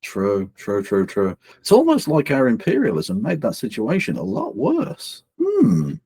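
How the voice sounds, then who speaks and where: A man's voice: medium pitch, wildly swooping pitch, unhurried, creaky, dark tone, slightly rough. A man hosting a live stream, reacting to a political debate with sarcastic, mocking remarks. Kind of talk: casual reaction commentary.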